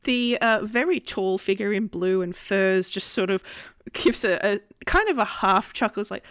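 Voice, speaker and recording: A woman's voice: medium pitch, animated, moderate pace, a bit bright. A woman narrating a tabletop game as game master, improvising in an informal, conversational way.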